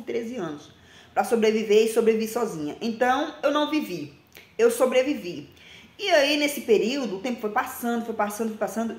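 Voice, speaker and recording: A woman in her forties talking bluntly and emphatically to a phone camera, often ending phrases with a quick question. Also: fairly high pitch, roomy sound, slight background noise. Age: 40s. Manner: blunt, emphatic, repeats herself, frequent "tá?". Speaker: vlogger. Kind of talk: casual direct-to-camera talk. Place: small indoor room with plain wall.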